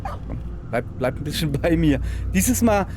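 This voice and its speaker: A man's voice: fairly high pitch, expressive, unhurried, darkish tone. Self-mocking man with a Palatinate lilt. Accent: Palatinate German. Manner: chatty, self-mocking, talks to viewers and the game. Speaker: let's play host. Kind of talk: let's play commentary. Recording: game music playing underneath.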